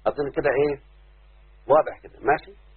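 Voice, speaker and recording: Egyptian male grammar teacher, rapid patient explaining, thin phone-like sound. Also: medium pitch, slightly rough. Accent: Egyptian Arabic. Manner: asks students again and again if they follow. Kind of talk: informal grammar lesson. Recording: muffled lo-fi phone-quality recording.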